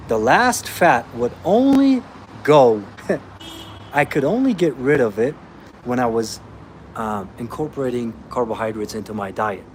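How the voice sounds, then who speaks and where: A man's voice: mid-range voice, slight background noise. A man from Austria, a fitness coach answering viewer comments in a blunt, emphatic way, calling listeners bro.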